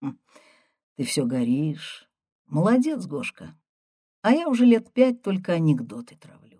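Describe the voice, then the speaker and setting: Woman voicing a mocking grown son, higher and livelier than her narration, dry close sound. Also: big pitch swings, measured pace, warm tone, breathy edge, no echo, heavily acted. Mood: easygoing. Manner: mocking, playful irony. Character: wry ironic grown son, joking.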